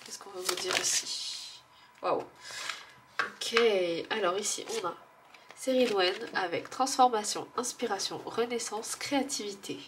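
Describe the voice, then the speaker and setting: A woman with a stuffy nose talks through an oracle card reading in a relaxed, wandering way. Her pitch sits in a middle range for a woman. She hesitates often and laughs softly at herself. A faint noise hums under her voice. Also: unhurried. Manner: musing and hesitant, with frequent fillers. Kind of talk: casual spiritual card reading.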